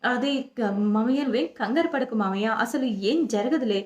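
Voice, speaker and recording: A woman's voice: fairly high pitch, fairly quick, a little mellow, lo-fi sound, lightly acted. A woman voicing a worried young husband in a TV serial recap, strained and trying to reassure. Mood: strained, reassuring. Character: worried young husband hiding bad news. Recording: echoey room.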